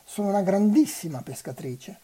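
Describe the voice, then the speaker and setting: A volunteer reader voicing a teasing, lively teenage girl in a novel read aloud. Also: mid-range voice, normal speed, husky.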